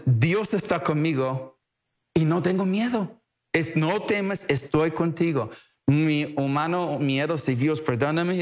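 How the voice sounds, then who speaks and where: A man preaching a televised sermon in an earnest, emotional way, with simple, halting phrasing. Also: medium pitch.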